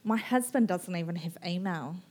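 A woman's voice: lowish voice, normal speed, darkish tone, a little hiss or hum. A woman author in her thirties from New Zealand, talking animatedly and rambling at a live festival conversation, laughing and mimicking people. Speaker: author guest.

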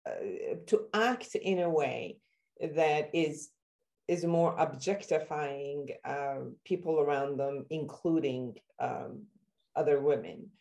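A woman from Iran, a therapist, hosts a conversational interview in a slightly low voice. She strings long questions together with fillers and restarts, and breaks into sudden high, animated exclamations when she acts out how people react. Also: slow pace. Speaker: therapist and podcast host.

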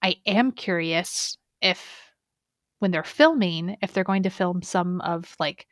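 A woman's voice: fairly low pitch, takes it slowly, no room sound, studio quality. A young woman co-hosting a gaming podcast in casual, rambling, enthusiastic chat. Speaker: podcast co-host.

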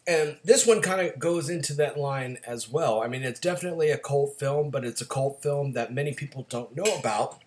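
Raspy, gravelly male podcast co-host with a cold. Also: mid-range voice, a little fast, few pauses, darkish tone, a little hiss or hum. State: getting over a cold. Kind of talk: casual film-discussion podcast talk.

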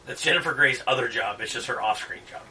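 A man with a very bright, sharp voice jokes his way through a movie commentary. His speech is fast and full of swoops in pitch. He sits a little back from the mic. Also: recorded from a distance. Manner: jokey, animated, does mock quotes. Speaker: podcast co-host. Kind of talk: casual movie commentary chat.

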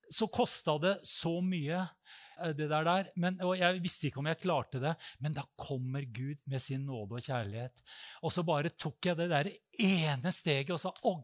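A man preaching a sermon, telling stories and acting out prayers with loud, high-pitched cries. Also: dry recording, studio quality.

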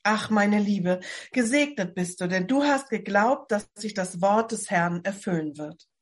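A woman's voice: medium pitch, a little slow, close to an everyday voice. A woman voicing Elisabeth, a joyful pregnant woman of sixty-five, exclaiming and blessing her young niece as she reads a Bible novel at home. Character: joyful 65-year-old pregnant biblical woman. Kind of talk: dramatic Bible novel reading.

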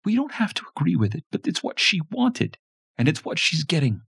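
A man's voice: a little high, big pitch swings, a little fast, gravelly, slightly rough, no echo, studio quality, voice pushed up, full character voice. Stern scolding mother, voiced by a man. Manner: sharp, scolding.

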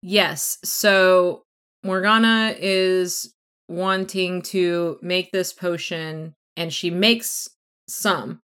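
Lively woman recapping a book. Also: fairly low pitch, very slow, clear, resonant tone. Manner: animated retelling, acting out characters' lines with laughs. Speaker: podcast co-host. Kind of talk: casual book recap chat.

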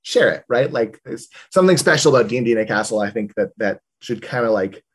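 Casual male co-host, mid-pitched, informal storyteller chatting about tabletop games. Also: animated, quick pace, husky. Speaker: podcast co-host and game master.

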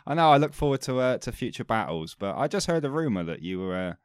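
A man's voice: mid-range voice, sing-song, brisk, clear, resonant tone, no echo, clean studio sound. A man co-hosting a podcast, teasing and swearing in casual banter. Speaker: podcast co-host.

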